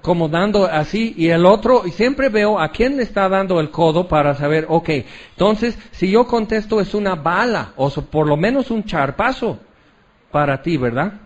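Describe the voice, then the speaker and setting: A male pastor, preaching a sermon in an animated storytelling way, acting out little scenes. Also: high-pitched, normal speed, dull audio. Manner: animated storytelling with acted-out asides.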